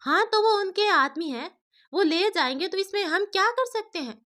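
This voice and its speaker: A woman's voice: extremely high pitch, lively intonation, normal speed, pushed and bright, pitched above the performer's own voice, full character voice. A woman voicing a proud, short-tempered widowed father who argues insistently and scolds. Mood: arguing.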